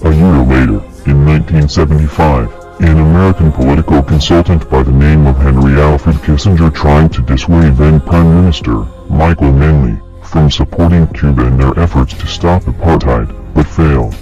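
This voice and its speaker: A man with a disguised, pitched-down deep voice, delivering a grave, accusing scripted address as an anonymous narrator. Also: normal speed, few pauses, dark tone. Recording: dull lo-fi audio with faint music.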